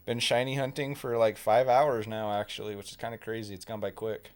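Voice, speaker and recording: A man's voice: fairly low pitch, level tone, fairly quick, clean tone. A man hosting a game livestream, chatting casually and joking with viewers and friends. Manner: laid-back, joking, chatty. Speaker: streamer.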